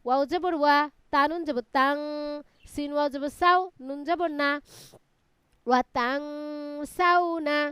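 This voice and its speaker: A woman's voice: high voice, unhurried, long pauses, sharp tone, no echo. A woman teaching Quran reading in a live online class, chanting Arabic letters syllable by syllable and explaining recitation rules. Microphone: online class call.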